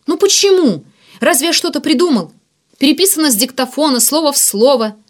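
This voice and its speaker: A woman voicing a greedy, hot-tempered male newspaper editor who shouts and pleads indignantly. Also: sits low, steady tone, fast talker. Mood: indignant shouting.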